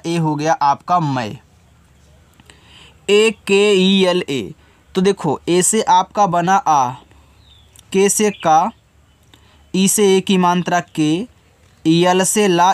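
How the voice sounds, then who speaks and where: High-voiced man patiently spelling out words. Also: clear, resonant tone, no echo. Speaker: teacher. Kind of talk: spelling lesson for beginners.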